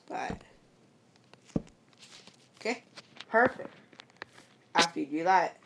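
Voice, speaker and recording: Slow, gravelly woman explaining a game. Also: fairly low pitch. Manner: patient instructions, repeats "perfect" and "see?". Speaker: game tutorial maker. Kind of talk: step-by-step game tutorial voice-over. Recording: noisy home recording with clicks.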